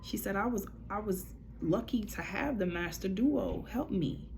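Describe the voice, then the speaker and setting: A woman giving a spiritual reading in a casual, informal way, relaying messages with a steady run of "she said". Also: medium pitch, measured pace, slight background noise. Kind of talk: casual channeling monologue.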